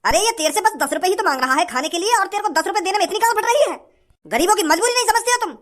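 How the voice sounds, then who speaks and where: In a comedy sketch, an actor plays a rich, generous young man who lectures a stingy shopkeeper. His very high voice is expressive and very fast, and he speaks forcefully in a lecturing tone.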